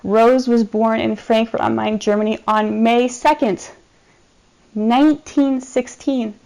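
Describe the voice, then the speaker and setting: Woman presenter with gravelly creak. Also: a little high, fairly even intonation, darkish tone, poor audio. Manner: measured, explanatory, with frequent ums. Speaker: archivist presenting a collection. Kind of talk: recorded presentation over slides.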